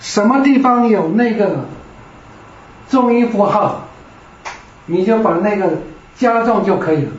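Man, teacher, patient classroom lecture, high voice, reverberant room. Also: animated, unhurried, pauses often, slight background noise. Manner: patient, explaining step by step. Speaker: Greek teacher. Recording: roomy, dull lo-fi classroom recording.

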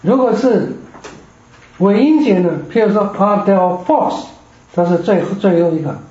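A man's voice: high-pitched, animated, moderate pace, mellow. A man teaching a Greek grammar class, explaining patiently step by step. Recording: echoey room, dull lo-fi.

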